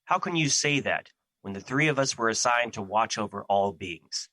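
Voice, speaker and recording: A man's voice: lowish voice, animated, normal speed, bright, forceful tone, no room sound. A man playing Fear as an ancient, solemn and anxious being, speaking formally and theatrically in an audio drama. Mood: distressed, indignant.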